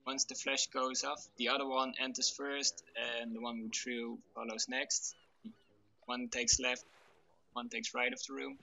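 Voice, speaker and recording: Guy explaining game tactics to his squad, halting, really sharp voice, slightly lo-fi chat. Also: medium pitch, creaky. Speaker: team leader in military game. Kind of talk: casual tactical briefing. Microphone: gaming voice chat. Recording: dull online voice chat.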